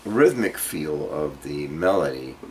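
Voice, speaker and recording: This guitar teacher has a very deep voice and is very animated, though a little slow. During an informal lesson he hesitantly breaks things down piece by piece as he demonstrates, with loud acoustic or jazz guitar playing alongside.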